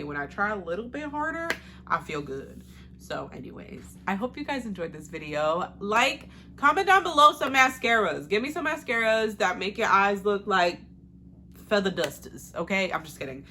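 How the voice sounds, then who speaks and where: A woman's voice: medium pitch, bright, forceful tone, slight background noise. A young woman chatting casually through her everyday makeup routine, rambling with fillers and the odd laugh. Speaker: beauty vlogger. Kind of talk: casual makeup tutorial chat.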